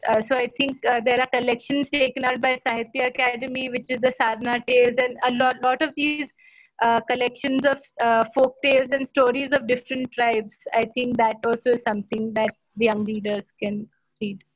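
An Indian woman in her thirties speaks in a fairly high voice, with many pauses, fillers and restarts. The audio comes through a laptop on a video call. It sounds dry and muffled. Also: flat delivery, dry recording. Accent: Indian English. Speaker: panelist. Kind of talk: online panel discussion. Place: home room. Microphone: laptop webcam on a video call.

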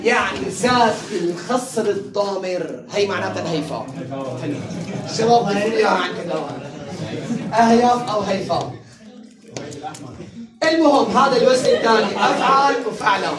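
A woman teaching a classroom lesson, drilling word patterns slowly and repeating them, chatting and laughing with her students. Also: mid-range voice. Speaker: Arabic teacher. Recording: roomy classroom sound from a distant mic, crowd behind.

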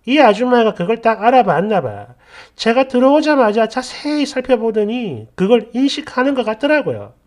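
A woman's voice: on the high side, sing-song, moderate pace, hardly any pauses, darkish tone. A woman narrating a first-person workplace story in a chatty, indignant, confiding way.

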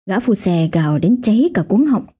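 Mellow, husky woman telling a ghost story. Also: mid-range voice, animated, moderate pace. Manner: dramatic storytelling. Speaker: storyteller host. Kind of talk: scripted ghost story narration. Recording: dull lo-fi audio with faint music.

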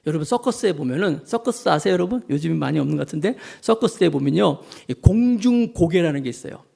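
Male pastor, sermon delivery: high-pitched, gravelly, emphatic, fond of rhetorical questions. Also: lively intonation, fast, dark tone. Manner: storytelling with acted quotes.

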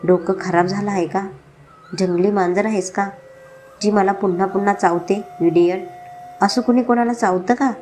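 A woman's voice: mid-range voice, steady tone, moderate pace, darkish tone, soft background music, lightly acted. A woman voicing an arrogant, wealthy young man who talks in a mocking, commanding way in a storybook reading. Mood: harsh.

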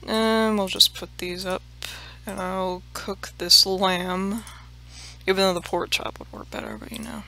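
A woman's voice: medium pitch, flat delivery, measured pace, sharp tone. A woman hosting a let's play, chatting casually and mocking herself, swearing freely and dropping into murmured half-whispered asides. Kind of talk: casual gameplay commentary.

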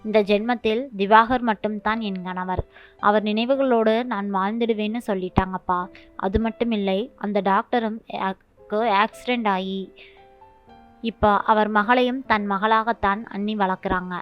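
An earnest young daughter, voiced by a woman narrator, explaining patiently to her parents. Dull lo-fi recording with soft music beneath. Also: medium pitch, steady tone, normal speed, smooth, close to an everyday voice. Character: young woman defending her sister-in-law.

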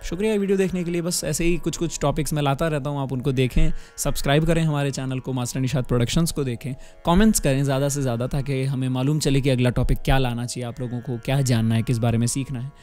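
Hindi-speaking music teacher explaining patiently. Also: male voice, medium pitch, steady tone, quick pace, hardly any pauses, darkish tone. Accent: Hindustani. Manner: explains patiently, often checks with "है ना?". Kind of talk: spoken music lesson with sung demonstrations. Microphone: close studio microphone. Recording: harmonium music underneath. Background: harmonium playing.

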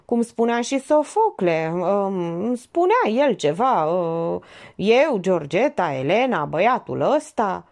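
A woman's voice: mid-range voice, very animated, darkish tone. A woman voicing a pompous, sanctimonious middle-aged male notary in an audiobook, speaking in a theatrical, preachy way. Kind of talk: audiobook character voice.

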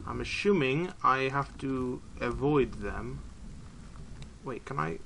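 A British man giving casual let's-play commentary, chatty and prone to excited exclamations. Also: medium pitch, slow, creaky, slight background noise. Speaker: gaming YouTuber. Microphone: desk mic, no camera.

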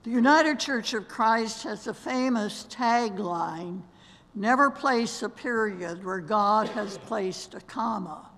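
A woman's voice: mid-range voice, slow pace, fairly bright tone. An older woman reading a solemn meditation and prayer at a lectern in a large church sanctuary. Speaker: worship leader. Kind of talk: slow scripted meditation and prayer. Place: large church sanctuary, seated among robed choir. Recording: long church reverb.

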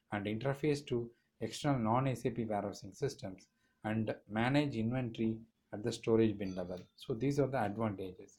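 A middle-aged man giving an informal technical lesson on warehouse software, speaking haltingly with many fillers and restarts, recorded on a phone held low in an indoor room. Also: breathy edge. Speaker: SAP trainer. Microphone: phone camera held low.

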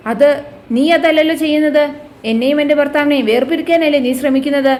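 A woman's voice: high-pitched, a little hiss or hum, lightly acted. A woman voicing a jealous, bitter young wife who accuses and threatens her sister.

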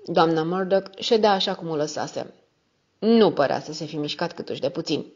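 Low-voiced woman, calm audiobook narration, dull lo-fi sound.

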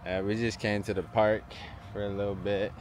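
Low-voiced laid-back man vlogging. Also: flat delivery, moderate pace. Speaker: vlogger and father. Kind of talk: casual vlog chat. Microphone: phone at arm's length. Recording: noisy handheld outdoor phone recording.

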